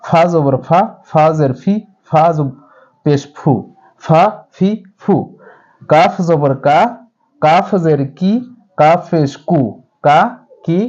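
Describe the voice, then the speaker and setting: A man's voice: fairly high pitch, a little mellow. Man drilling syllables in a dull lo-fi lesson. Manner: slow drilled syllable chanting with repetition. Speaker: Quran reading teacher. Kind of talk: step-by-step recitation lesson.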